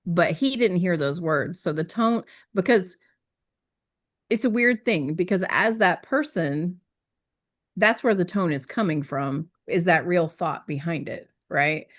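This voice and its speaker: A woman's voice: fairly low pitch, measured pace. Earnest woman presenter explaining. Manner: earnest, explanatory, frequent "right?" check-ins. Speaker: wellness team presenter. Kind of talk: teaching discussion.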